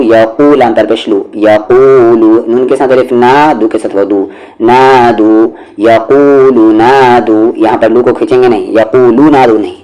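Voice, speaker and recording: A man teaching recitation word by word, spelling out each syllable and then reciting the words slowly and drawn out. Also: on the low side, dark tone, low-quality recording. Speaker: Quran teacher.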